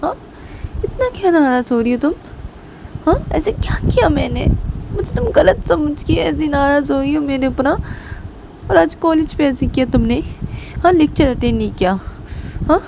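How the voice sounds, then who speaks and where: A woman's voice: sits high, animated, moderate pace, creaky, long pauses, noisy background, pitched above the performer's own voice. A woman voicing a pleading female college teacher who keeps coaxing her upset lover. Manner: coaxing, keeps asking "haan?".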